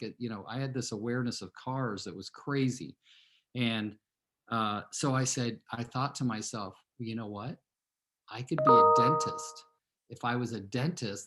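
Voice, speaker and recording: A Californian man in his sixties who leads a real estate team tells his team a rambling personal story over a video call. His voice is medium-pitched with a fairly bright tone, and he often turns to speak to his listeners directly.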